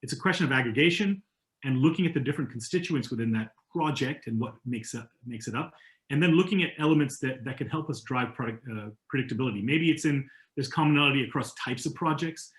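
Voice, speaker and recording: A man speaking as a guest in a webinar, talking casually with quick asides and restarts over a video call. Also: medium pitch. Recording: roomy echo.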